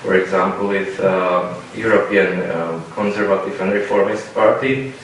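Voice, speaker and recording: A man with a Czech accent asking a question from the audience, halting and searching for words in English. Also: sits low, fairly even intonation, a little hiss or hum. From Czech Republic. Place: debate hall. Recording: echoey hall, mic at a distance.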